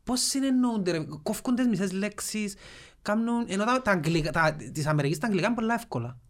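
A man with a Cypriot Greek accent, chatting casually and telling stories full of fillers. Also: high-pitched. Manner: animated storyteller with many fillers. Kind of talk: casual chat, storytelling.

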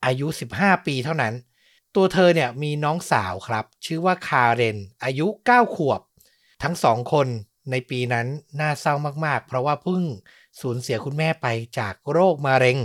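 A man telling a true story in a casual podcast chat, acting out quoted lines now and then. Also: moderate pace. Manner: conversational, uses polite particle khrap; acts out quotes with raised pitch.

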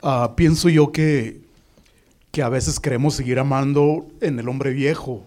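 A male class member offers a comment during a Bible study. His voice is mid-pitched and mellow. He speaks hesitantly, repeating words and pausing to clear his throat. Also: fairly even intonation.

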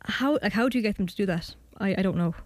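A woman's voice: mid-range voice, fast talker, a little mellow, no room sound. A young Irish woman in her twenties, chatting casually as a radio guest and narrating her own documentary. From Ireland. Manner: chatty, hedging with fillers. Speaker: student documentary maker.

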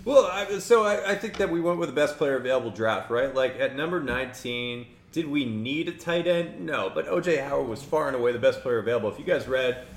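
A man's voice: mid-range voice, animated, fairly quick, few pauses. Guy rambling about football on a podcast, echoey room. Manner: rambling, chuckling, self-interrupting. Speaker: podcast host. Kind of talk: casual sports chat. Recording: echoey room with faint noise.

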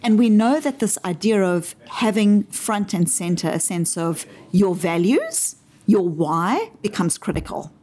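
A woman with a South African accent, answering interview questions in a measured, articulate way and using everyday examples to make her points. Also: mid-range voice, big pitch swings, a little mellow. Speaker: interview guest explaining her framework.

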